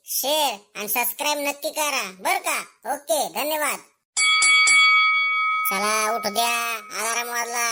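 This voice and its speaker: A woman's voice: fairly high pitch, bright, forceful tone. A woman playing a lazy, cheeky schoolboy in a comedy sketch. He whines, talks back and fakes being ill to skip school, with rustic slang. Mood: chatty. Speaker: main character.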